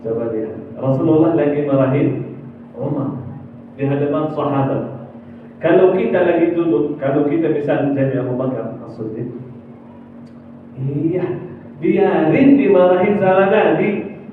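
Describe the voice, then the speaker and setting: A man preaching a sermon, telling a story with lively acted-out dialogue and chanted phrases, heard from far off in a mosque. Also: a little high, a little hiss or hum. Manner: animated, acts out dialogue, drawn-out chanted phrases. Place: mosque hall. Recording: distant, phone-like, very echoey hall.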